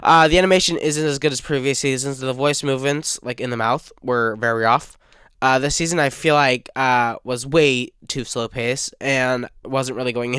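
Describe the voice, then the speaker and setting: A man's voice: mid-range voice, a bit bright, clean tone, no room sound, studio quality. A young man reviewing a cartoon series in casual fan talk, rambling and hesitant, sick and stuttering. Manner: rambling, hesitant with frequent uh fillers. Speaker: fan channel host.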